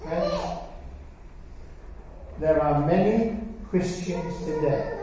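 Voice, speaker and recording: A man's voice: on the high side, dark tone. A man preaching a sermon emphatically, often putting questions to his congregation. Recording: echoey hall, distant mic, faint noise.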